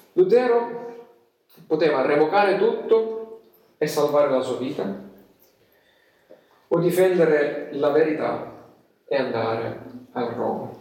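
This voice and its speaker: A man's voice: mid-range voice, a little mellow. Italian preacher man, echoey and distant. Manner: storytelling preacher, frequent hesitations. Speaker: pastor. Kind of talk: sermon. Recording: echoey room from far off.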